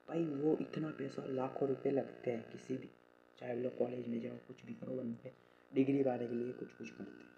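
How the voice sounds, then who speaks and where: On a personal vlog from a rural farm home, a young man vents, frustrated and hurt, working through his troubles with many fillers and restarts. His mid-range voice is gravelly and mellow, and the lo-fi audio sounds slightly dull with faint ambient noise.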